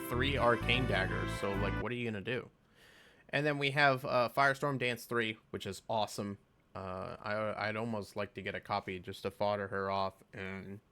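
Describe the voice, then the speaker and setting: A man giving casual reaction commentary on a game, reading skill text aloud and thinking out loud with fillers. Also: fairly low pitch. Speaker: game video creator.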